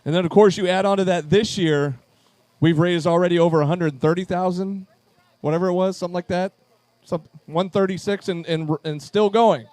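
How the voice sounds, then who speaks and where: A man's voice: high-pitched, fairly even intonation, brisk, darkish tone, dry recording. A man emceeing a live charity event at a pub, upbeat as he calls names to chairs on a handheld microphone.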